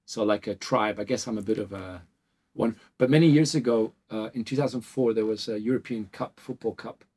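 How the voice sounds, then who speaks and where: In a dental clinic office, a man in his forties from South Africa and Portugal talks casually in an interview as the clinic's founder, rambling through stories full of fillers. His voice is fairly low and quick, with a darkish tone and a breathy edge.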